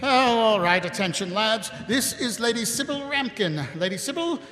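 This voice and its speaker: Exasperated high-voiced watch captain. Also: male voice, animated, normal speed, sharp tone, a little hiss or hum. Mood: wry. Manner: sardonic, tense, barking orders. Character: exasperated, cynical male city watch captain. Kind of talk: live radio comedy acting. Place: live on stage in a large hall. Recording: reverberant hall, live stage performance.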